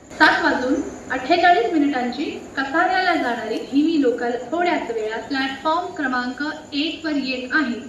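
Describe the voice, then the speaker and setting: A woman with an Indian accent making a train station loudspeaker announcement in a slow, measured way. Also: sits high, slight background noise. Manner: slow, measured, evenly spaced wording. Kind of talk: recorded public announcement. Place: railway station platform. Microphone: recorded from a distance on the platform. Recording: echoey, muffled loudspeaker heard from far off.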